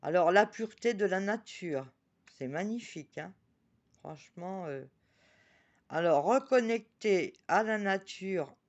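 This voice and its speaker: A woman's voice: mid-range voice, animated, a little mellow, dull audio. Chatty woman presenting oracle cards. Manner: chatty, talks about herself in the third person; reads card messages slowly.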